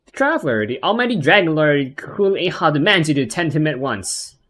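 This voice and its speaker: A man's voice: a little high, big pitch swings, brisk, a bit bright, pitched above the performer's own voice. A man voicing a haughty little dragon lord from a video game, imperious, insulting and grandiose, read aloud in an amateur way. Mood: commanding. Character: pompous, haughty little male dragon lord, easily bored.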